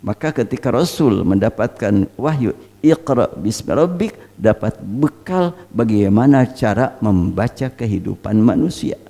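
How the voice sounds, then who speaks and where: A man, an Islamic teacher, giving a Quran study lecture, emphatic and full of rhetorical questions, reciting Arabic phrases slowly. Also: lowish voice, lively intonation, gravelly, mellow.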